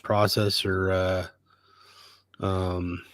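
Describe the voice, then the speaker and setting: A man with a lowish voice co-hosts a casual livestream. He jokes and asks halting questions. He sounds dry and close, with no room around him. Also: level tone, a bit bright, no echo. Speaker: podcast co-host.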